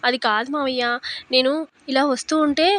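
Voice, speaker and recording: Cheeky young bride, put on by a woman narrator: high and bright, polite but teasing. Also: steady tone, moderate pace. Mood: sweetly cheeky. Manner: polite on the surface, playfully teasing.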